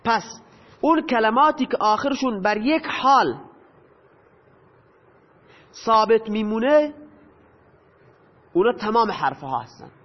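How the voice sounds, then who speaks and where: High-voiced man teaching in an echoey hall. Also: very animated, long pauses. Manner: patient, asks and answers his own questions. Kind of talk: lecture explaining Arabic grammar. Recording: dull lo-fi audio with long reverb.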